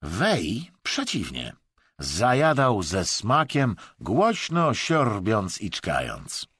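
A man narrating an audiobook in an expressive, measured way. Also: on the low side, slightly rough, dry recording, studio quality.

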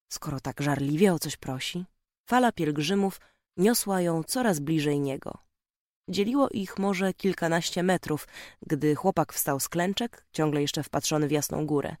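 Audiobook narrator, calm measured delivery, dry close read. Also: mid-range voice, no echo. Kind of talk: scripted narration.

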